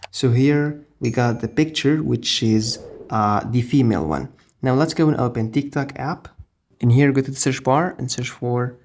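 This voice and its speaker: A man's voice: medium pitch, darkish tone, a little hiss or hum. Man narrating a casual app tutorial. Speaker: tutorial host.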